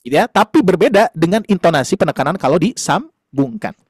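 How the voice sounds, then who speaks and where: A man's voice: high-pitched, very animated, fairly quick, vocal fry, breathy edge, dry recording, studio quality. A man teaching a Quran class online, explaining patiently to parents with many fillers and tag questions. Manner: patient, explanatory, addresses parents warmly as "Ayah Bunda".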